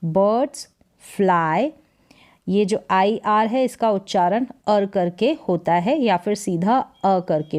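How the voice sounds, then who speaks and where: A woman's voice: mid-range voice, a little mellow. A woman teaching English reading in Hindi, going word by word, repeating each word and explaining its meaning patiently. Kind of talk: slow step-by-step reading lesson.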